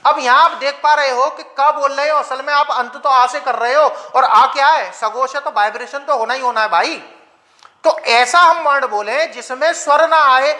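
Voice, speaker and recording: In a classroom-style lecture, a male grammar teacher poses rhetorical questions to his viewers, answers them himself, and leads pronunciation drills. His voice is extremely high, bright and forceful.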